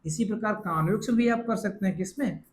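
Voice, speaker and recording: A man teaching a physics lecture, who asks questions and answers them himself, calls his students by pet names and reads definitions out slowly for dictation. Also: high-pitched. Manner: calls students beta and affectionate nicknames. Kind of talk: recorded classroom lecture.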